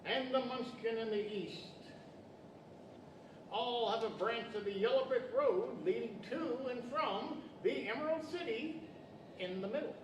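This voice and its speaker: A man with a very high-pitched voice plays the Wizard of Oz as a fussy, theatrical, learned magician, explaining things deliberately in a pompous 1940s radio-play style. The stage is set in a library with microphones on stands. The recording is noisy and echoey, as if captured from far off in a hall.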